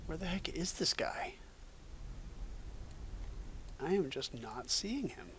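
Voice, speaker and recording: A man's voice: on the high side, big pitch swings, slow, fairly bright tone, slight background noise. A man streaming a game, giving casual commentary mixed with spoken commands.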